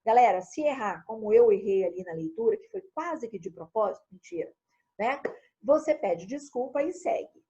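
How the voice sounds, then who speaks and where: A Brazilian woman teaching an online class in a lively, chatty way, speaking straight to her students. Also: fairly high pitch, moderate pace, slightly rough, dull audio. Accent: Brazilian Portuguese. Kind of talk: recorded online lesson.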